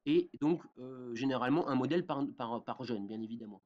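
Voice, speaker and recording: A man giving a step-by-step software tutorial, with many fillers and a habit of asking "d'accord?" after each step. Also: mid-range voice, brisk, muffled recording. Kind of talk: screen-recorded software tutorial.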